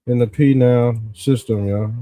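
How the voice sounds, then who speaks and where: In a fairly even, dark-toned mid-range voice, a man runs an informal political commentary show. He uses folksy street talk, drawing out words for emphasis, with a smug and sarcastic exposé attitude.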